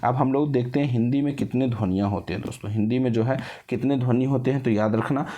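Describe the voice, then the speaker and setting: सवाल पूछकर खुद जवाब देने वाला हिंदी शिक्षक, पुरुष. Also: male voice, mid-range voice, fast talker, mellow, dull audio. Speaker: teacher. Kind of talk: exam-prep lesson.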